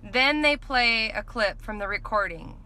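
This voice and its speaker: A woman in her thirties giving an informal recap from notes, earnest and opinionated, with halting moments as she checks them. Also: on the high side, expressive, bright, forceful tone. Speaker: vlogger recapping a court trial. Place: inside a parked car at night. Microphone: phone or camera at arm's length.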